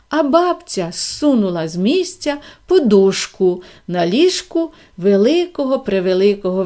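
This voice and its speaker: A woman reading a fairy tale aloud in a gentle, expressive storytelling manner. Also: mid-range voice. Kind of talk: scripted fairy-tale narration.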